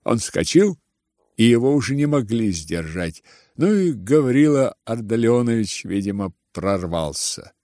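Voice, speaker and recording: A man narrating a classic novel as an audiobook with a slow, expressive reading. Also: mid-range voice, dry recording, studio quality. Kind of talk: dramatic literary narration.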